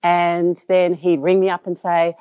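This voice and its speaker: Middle-aged Australian woman, business founder, low voice, dry dull lo-fi sound, chatty with lots of "um". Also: completely flat delivery, a little slow, clean tone, dry recording. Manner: rambling with many fillers and restarts. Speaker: company co-founder. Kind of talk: interview guest, storytelling.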